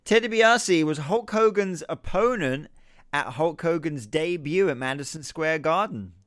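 Podcast co-host: London man, clean dry sound, animated delivery, jokey, sweary, trivia-minded. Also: fairly high pitch, a little slow, dry recording. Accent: London English. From West London, England. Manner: jokey, swears freely, reads off trivia facts. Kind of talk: casual chat over a live watch-along.

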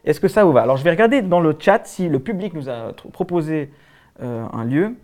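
Swiss french guy hosting a live stream, keeps saying euh, bit high voice. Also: animated, a little fast, darkish tone. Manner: rambling, hesitant, lots of fillers. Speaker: host. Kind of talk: live-stream talk show.

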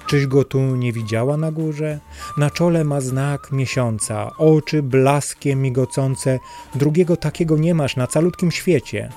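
A man's voice: medium pitch, measured pace, dark tone, faint music behind, lightly acted. A man voicing a faithful young wife searching for her husband, earnest and pleading.

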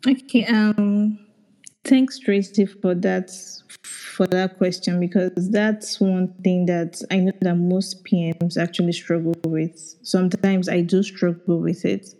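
A Nigerian woman, a product manager, giving reflective career advice in a casual audio chat, often pausing to search for words. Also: on the low side, fairly even intonation, warm tone, poor audio. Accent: Nigerian English.

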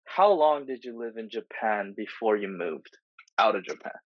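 A man's voice: fairly low pitch, expressive, normal speed, no echo, dull audio. A man hosting a casual podcast chat, asking questions with many fillers and restarts. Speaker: podcast host. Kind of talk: casual conversational interview.

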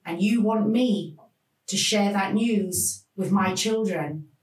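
Slow, halting woman in a roomy space. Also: medium pitch, darkish tone, far from the mic. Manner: slow, halting, emotional retelling with many pauses. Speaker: podcast guest telling her life story. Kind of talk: personal storytelling in an interview. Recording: roomy sound, voice off the mic.

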